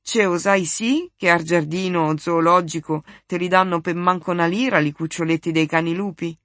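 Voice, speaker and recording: Cocky roman street kid, reader puts him on, a bit higher and louder, dry close sound. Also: fairly even intonation, dry recording, close to an everyday voice. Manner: cocky, quick, bantering. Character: brash young Roman street boy. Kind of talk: audiobook reading.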